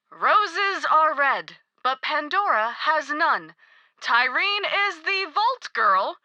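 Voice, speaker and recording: A woman's voice: high voice, sing-song, extremely slow, sharp tone, no room sound, muffled recording, exaggerated voice. An actress playing a young cult queen in a video game, mocking, sing-song and sweetly menacing. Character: gleeful, cruel young woman cult queen. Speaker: cult leader God Queen.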